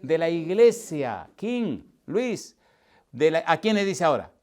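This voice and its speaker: Animated preacher questioning his audience. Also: on the high side, slow. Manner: asks the audience constant call-and-response questions; animated, swings from loud to hushed. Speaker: pastor teaching a preaching seminar. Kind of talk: lively seminar sermon. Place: church hall with live audience.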